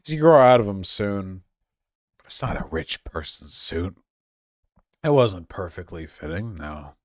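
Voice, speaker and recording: A man's voice: deep voice, lively intonation, measured pace, no room sound, studio quality. A very drunk man rambling on a casual livestream, crude, losing his thread and stumbling over repeated words. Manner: crude, swearing.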